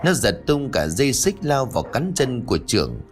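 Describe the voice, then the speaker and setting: A man narrating a ghost story audiobook in an expressive, dramatic way. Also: medium pitch, moderate pace, faint music behind.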